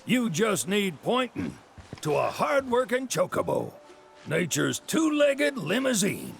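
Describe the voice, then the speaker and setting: In video game character dialogue, an actor voices a genial, folksy older rancher with a Southern American accent and chatty salesman's patter. The exaggerated voice is high-pitched and gravelly, swinging hugely in pitch at a slow pace, over soft background music.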